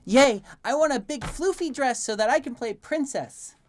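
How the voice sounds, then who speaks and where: A woman acts out an excitable young child in a tabletop game. The delivery is eager and childlike, with very animated pitch that leaps and drops. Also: moderate pace. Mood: excited. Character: excitable little child, niece, wants to play princess. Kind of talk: tabletop role-play.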